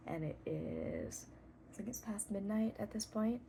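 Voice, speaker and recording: A woman giving herself a casual, earnest pep talk, speaking in a halting, reflective, self-encouraging way. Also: mid-range voice, wildly swooping pitch, creaky, mellow, a little hiss or hum. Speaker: student and parent vlogger.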